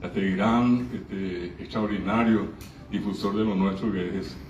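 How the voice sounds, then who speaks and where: A man's voice: fairly low pitch, steady tone, unhurried. A middle-aged man gives an informal public speech at a cultural event, greeting people and often hesitating. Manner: warm greetings with frequent hesitations. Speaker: guest speaker at a cultural event. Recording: echoey room, distant mic, dull and noisy.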